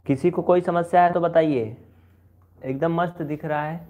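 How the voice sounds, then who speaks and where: A man's voice: on the high side, fairly even intonation, moderate pace. A man gives a chatty online maths lesson. He scolds his students a little and goes over each step again. The sound is thin and phone-like. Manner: chatty, scolding and repeating steps. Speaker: maths teacher.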